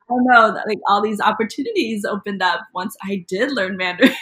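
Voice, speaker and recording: A young woman from Minnesota who teaches middle school talks about her life in a relaxed, chatty way. She fills her sentences with ums and likes, and her voice sits at a middle pitch. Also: brisk. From Minnesota, USA. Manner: chatty, many ums and likes, laughs easily. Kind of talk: interview guest.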